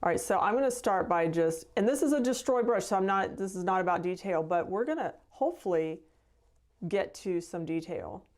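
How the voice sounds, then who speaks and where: Rambling and chatty, full of laughter and filler words, a middle-aged woman painter talks through a relaxed painting demo on her live stream. Her mid-range voice is expressive and somewhat dark in tone, and she speaks fairly quickly.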